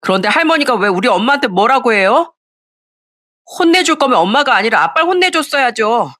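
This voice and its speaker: Brief: earnest young boy, blunt and protective, brightish pitch, played by a woman reader. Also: very animated, a little fast. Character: eleven-year-old boy, blunt and protective. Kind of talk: audio story reading.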